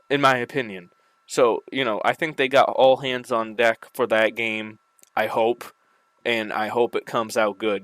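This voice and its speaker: A man delivers an annoyed, casual rant, swearing freely and stumbling over repeated words. His voice is smooth and clear despite a slight lisp from his retainers, and the recording is dry and close. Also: medium pitch, a bit bright, no room sound. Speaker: gaming video creator.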